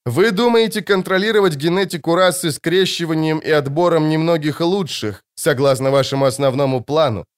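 A man voicing a defiant, commanding young male leader in an audiobook reading, declaiming with a raised, forceful voice. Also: on the high side, fairly quick, hardly any pauses, pitched above the performer's own voice, lightly acted.

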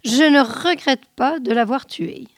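A woman's voice: medium pitch, expressive, normal speed, a little mellow, dry recording, studio quality, natural voice. A woman reading aloud, voicing a tormented man who bitterly curses his wife. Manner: bitter, agitated. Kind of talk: audiobook reading.

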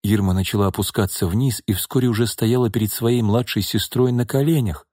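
A man narrating a dramatic audiobook in an expressive manner. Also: on the low side, brisk, breathy edge, no room sound, clean studio sound.

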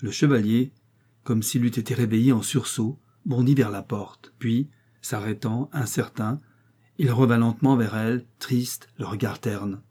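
A man reading a historical romance aloud with measured, expressive narration. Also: mid-range voice, breathy edge. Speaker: audiobook reader. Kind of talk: dramatic novel reading.

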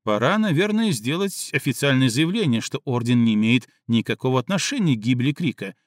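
A man's voice: medium pitch, expressive, brisk, no echo, clean studio sound, lightly acted. A man voicing a hesitant male official who speaks without much confidence. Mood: unsure. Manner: unsure, tentative.

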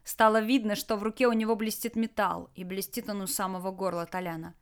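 A woman narrating an action audiobook with a lively, dramatic delivery. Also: mid-range voice, a little fast, smooth. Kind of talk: expressive scripted narration.

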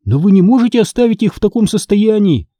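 A man's voice: sits high, lively intonation, fast, dark tone, no echo, studio quality, pitched above the performer's own voice. A man voicing a serious young girl who speaks in a stern, insistent way, in a storybook reading.

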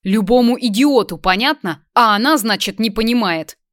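A woman reader voicing a brash, loud grown man who mocks and threatens in an audiobook. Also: on the high side, animated, moderate pace, no echo, clean studio sound, pitched above the performer's own voice. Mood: mocking. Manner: loud, mocking, menacing. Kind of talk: audiobook character voice.

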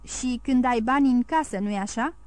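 A man's voice: very high-pitched, no echo, faint music behind. A woman voicing a nervous, greedy middle-aged male innkeeper who sounds anxious and pleading.

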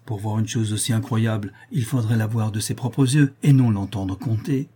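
A man reading aloud, voicing a skeptical, learned English lord who lectures in a measured way. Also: lowish voice, steady tone, warm tone, husky. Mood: lecturing.

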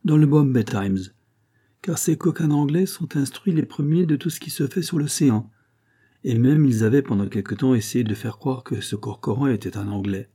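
A proud, wary prince speaks with haughty command, as a male narrator voices him. The tone is mellow and a little husky. It is a role from a read-aloud adventure story. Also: mid-range voice, normal speed, pitched above the performer's own voice, lightly acted.

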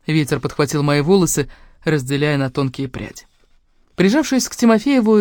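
A woman narrating a romance novel in the first person, with an expressive, emotional reading. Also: deep voice, no echo, studio quality. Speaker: audiobook reader.

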